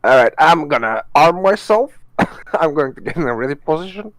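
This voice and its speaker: A man's voice: on the high side, very animated, normal speed, no echo. A man talking casually as a player during a tabletop role-playing game.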